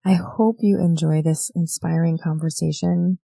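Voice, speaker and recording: Woman podcast host, low mellow voice, dry close sound, earnest and reflective. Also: steady tone, moderate pace, creaky, no room sound. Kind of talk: heartfelt personal monologue.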